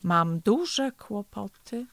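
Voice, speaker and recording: A woman's voice: medium pitch, animated, drawn-out words, gravelly, fairly bright tone, dry recording, full character voice. A woman voicing a small, worried boy turtle who talks in an anxious, plaintive way in a storybook reading.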